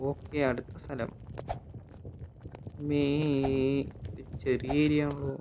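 Excitable young gamer man. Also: on the high side, takes it slowly, noisy background. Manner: excitable, shouts exclamations at the game, talks to viewers as guys. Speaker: gaming YouTuber. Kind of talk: casual gameplay commentary.

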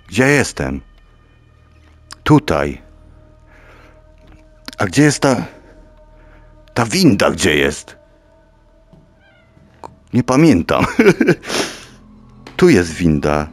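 A man commenting on a horror game as he plays, his voice leaping from low mutters to high panicked yells. He talks slowly, swears a lot and hushes himself in whispers. Faint music sits behind him. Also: no room sound. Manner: jumpy, swears a lot, shrieks when scared, mutters to himself. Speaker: gaming YouTuber.

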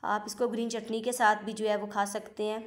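A woman cooking-channel host narrating a recipe step by step, steady and instructive, politely addressing her viewers in a close voice-over. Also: medium pitch, fairly quick.

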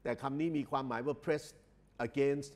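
A man lectures, explaining slowly, repeating phrases and drawing out each English word. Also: medium pitch, steady tone. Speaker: English exam tutor. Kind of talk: recorded lecture.

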